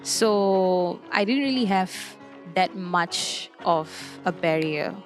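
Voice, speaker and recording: A young woman from Malaysia, speaking casually as a panel guest and often filling pauses with "like". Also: on the low side, expressive, music in the background. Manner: chatty, frequent filler "like", restarts.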